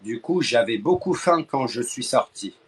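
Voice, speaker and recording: A man from France hosting a live stream, chatting casually with callers and cracking deadpan jokes. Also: mid-range voice, normal speed, breathy edge.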